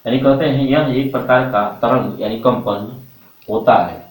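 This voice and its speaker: A man's voice: medium pitch, a little slow. A man teaching a class, who keeps asking the students questions and repeating the answers back to them. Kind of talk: classroom lecture. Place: classroom with a board. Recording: roomy, from far off.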